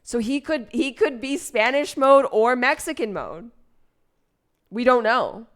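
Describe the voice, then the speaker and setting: A woman streamer in casual chat, expressive and playfully defensive. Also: a little high, a little slow.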